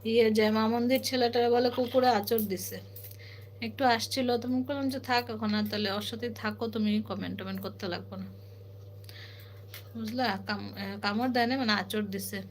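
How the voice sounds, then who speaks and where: A woman's voice: on the high side, fairly even intonation, a little fast, slight background noise. A woman from Assam hosting a live stream, reading viewer comments aloud in a chatty, playful way with teasing sing-song asides. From Assam, India. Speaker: livestream host.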